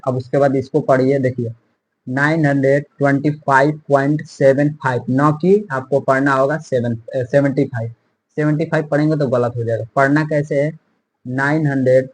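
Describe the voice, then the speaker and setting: A man's voice: medium pitch, a little mellow, husky, low-quality recording. A man teaching a maths lesson step by step, repeating himself and checking in often. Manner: repetitive, checks in often with "theek hai".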